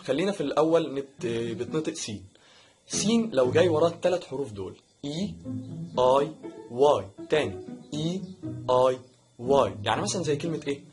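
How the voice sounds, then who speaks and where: A young man with an Egyptian Arabic accent hosting a casual English pronunciation lesson, joking and animated as he mimics mistakes. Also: medium pitch. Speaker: English teacher, channel host.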